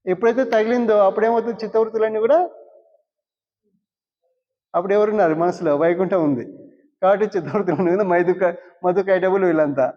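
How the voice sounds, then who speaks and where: A high-voiced man gives a spiritual discourse. He poses questions to his listeners and answers them himself, repeating key words. The recording is dull and lo-fi, and a long hall reverb trails each phrase. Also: fast, pauses often. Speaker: spiritual teacher.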